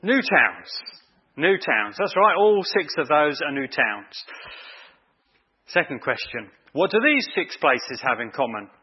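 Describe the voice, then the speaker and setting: A man's voice: fairly high pitch, very animated, a little slow, slightly rough, lo-fi sound. A man preaching an evening sermon in a chatty way, quizzing the congregation with questions.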